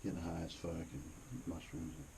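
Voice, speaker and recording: A man with a low, gravelly voice tells casual stories in a laid-back, rambling, foul-mouthed way. The tone is mellow, and the recording carries faint noise and cave ambience. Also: flat delivery, normal speed. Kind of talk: casual anecdotal storytelling. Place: inside a cave during a tour.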